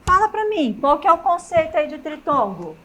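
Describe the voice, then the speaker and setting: A woman teacher with a Brazilian Portuguese accent lectures on grammar at the chalkboard, frequently pausing to make sure students are following. Her voice is high-pitched, very animated, fairly bright and moderately paced, with slight background noise.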